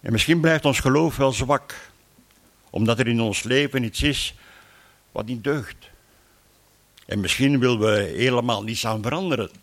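A man preaching a sermon, opening with a prayer and a Bible reading in an earnest, measured way. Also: mid-range voice. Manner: earnest, measured, with frequent restarts.

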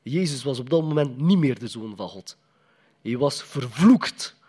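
A man's voice: mid-range voice, expressive, unhurried, warm tone, breathy edge. A man preaching a sermon in a conversational, emphatic way, often putting questions to the congregation.

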